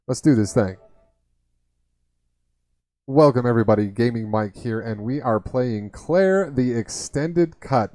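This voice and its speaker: A man's voice: medium pitch, warm tone. A man hosting a live game stream, chatty and upbeat, talking straight to his viewers. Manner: chatty, upbeat, talks to chat. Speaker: gaming streamer host. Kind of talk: casual live-stream commentary.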